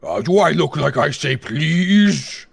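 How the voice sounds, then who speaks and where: A man's voice: fairly high pitch, animated, slow, gravelly, crowd noise, voice pushed up, heavily acted. Man putting on a demanding, hungry living boiler.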